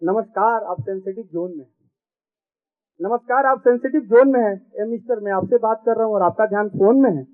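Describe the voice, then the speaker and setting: A man's voice: sits high, fairly quick, lightly acted. A man voicing a nosy male CCTV camera that scolds in sing-song rhymes and repeats each warning twice, on a tinny recording. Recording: tinny phone-like sound.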